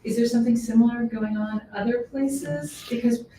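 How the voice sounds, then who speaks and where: A woman's voice: a little high, fairly even intonation, normal speed, noisy background. A woman in the audience asking the speaker a thoughtful question and correcting herself as she goes. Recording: distant roomy audience mic.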